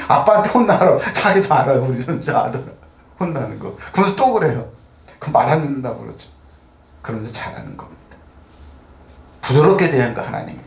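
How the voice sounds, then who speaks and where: A man's voice: mid-range voice, big pitch swings, fairly quick, vocal fry, long pauses, echoey room. An older man preaching a conversational sermon as pastor, often throwing rhetorical questions at the congregation. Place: church.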